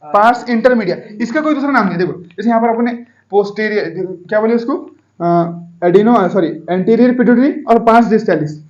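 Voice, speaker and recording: A man's voice: sits high, fairly quick, darkish tone, reverberant, dull audio. A male biology teacher giving a classroom lecture in Hindi, repeatedly asking students to call out the answers. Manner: quizzing students with repeated call-and-response questions.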